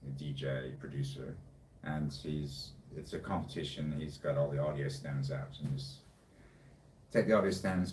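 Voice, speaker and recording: A man's voice: very deep voice, a little mellow. A man, chatting casually in a laid-back, rambling way. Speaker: co-host and hobby music producer. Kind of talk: casual chat. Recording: roomy, distant, faint background noise.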